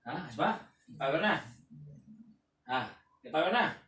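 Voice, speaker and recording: A Filipino man coaching a patient through exercises, counting reps aloud and shouting cheers. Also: fairly high pitch, sing-song, a little slow. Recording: roomy, distant, faint room noise.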